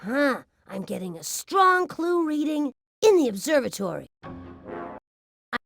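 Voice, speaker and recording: A woman's voice: sits high, huge pitch swings, slow, gravelly, dry recording, studio quality, faint music behind, exaggerated voice. A woman voicing an eager, cheerful little robot who guides the player through an educational game. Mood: upbeat. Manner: upbeat, instructive. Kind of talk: 1990s educational game voice acting.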